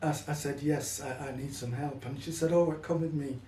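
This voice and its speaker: An older man, originally from the Caribbean and living in England since childhood, tells personal stories in an interview, reflective and slightly hesitant. His voice is a little high and warm, with a steady tone and brisk pace. The room is echoey, the mic distant, with faint noise.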